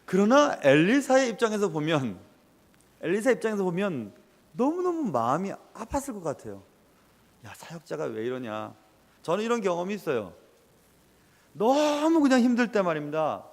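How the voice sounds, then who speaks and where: A man preaching a sermon as a pastor, telling stories with lively swings and dropping to a whisper at times. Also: high-pitched, moderate pace, long reverb tail.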